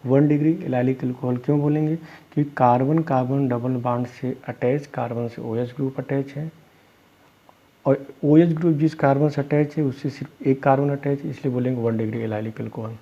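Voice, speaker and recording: Male chemistry teacher, husky tone, patient step-by-step lecturing, muffled lo-fi sound. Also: mid-range voice, fairly even intonation, moderate pace, mellow. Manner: explains step by step, asks students questions and answers them himself; calls students "beta". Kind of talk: classroom lecture. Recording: dull lo-fi recording.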